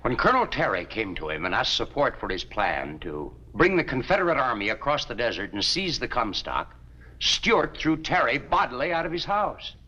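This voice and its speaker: An actor playing a loyal friend who speaks in a ceremonious, earnest manner. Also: male voice, medium pitch, big pitch swings, moderate pace, sharp tone. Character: loyal friend announcing guests, formal. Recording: dull 1950s TV soundtrack.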